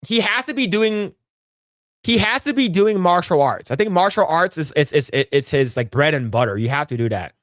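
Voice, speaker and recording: A man hosts a casual solo livestream and talks straight to his chat. He swears freely and gets worked up about movies, and his pitch leaps up and down as he goes. The sound is dry and close, with no room heard around him. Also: moderate pace, no echo. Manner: animated, profane, riffing on movies and answering chat. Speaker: livestream host.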